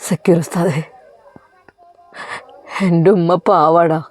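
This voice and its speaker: A heartbroken young man speaks low and soft, slowed by sorrow, as a woman storyteller puts him on. Her voice drops under its usual pitch and stays mellow and dry. A quiet storybook part. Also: little pitch movement, dry recording. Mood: sorrowful. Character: heartbroken young man leaving his mother.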